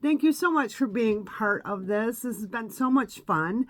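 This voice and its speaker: Indoors in her home craft room, a craft instructor in her fifties chats her way through a live tutorial, sniffling a bit from allergies. She speaks unhurriedly in a slightly high voice with lively intonation, peppering her step-by-step directions with ums and uhs.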